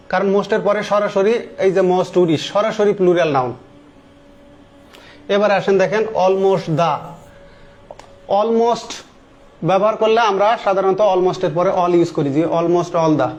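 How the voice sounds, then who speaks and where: High-voiced man teaching grammar in his thirties. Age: 30s. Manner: explains step by step, slowly spelling out English example sentences and words; repeats key words and asks the class questions. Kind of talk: online grammar lesson.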